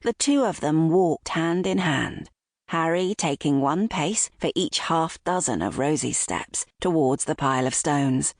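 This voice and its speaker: A woman narrating a novel in a measured, expressive storytelling voice. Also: low voice, no echo, clean studio sound. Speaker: audiobook narrator. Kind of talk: scripted narration.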